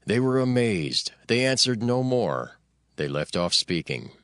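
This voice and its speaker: A man's voice: on the low side, very animated, a little slow, fairly bright tone, smooth, dry recording, clean studio sound. Solemn male scripture narrator.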